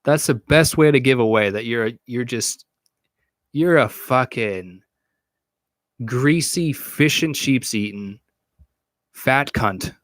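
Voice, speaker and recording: Taking his time and pausing often, a young adult American man with a mid-range voice answers viewer chat on his podcast livestream. He jokes crudely and swears a lot in a casual way. The small-room recording, made on a stand-mounted studio mic in front of him, has no room sound.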